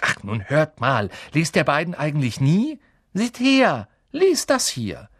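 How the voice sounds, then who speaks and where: A man's voice: a little high, creaky, husky, no echo, studio quality, pitched above the performer's own voice, heavily acted. A man doing Hermine, an eager know-it-all girl. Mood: impatient. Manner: excited, hurried, bossy.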